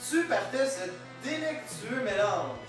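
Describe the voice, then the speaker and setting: Young quebec guy acting as eager infomercial host, far from mic, loud music behind. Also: extremely high pitch, expressive, takes it slowly, heavily acted. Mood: upbeat selling. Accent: Quebec French. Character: eager grandson hosting a kitchen infomercial. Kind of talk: parody infomercial presenting. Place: home kitchen, far camera. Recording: echoey kitchen, distant camera mic, music.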